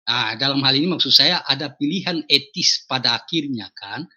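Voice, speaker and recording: A man moderating an online voice-chat debate who calmly and formally steers the talk back to the topic. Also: medium pitch, normal speed, husky. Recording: dull lo-fi sound.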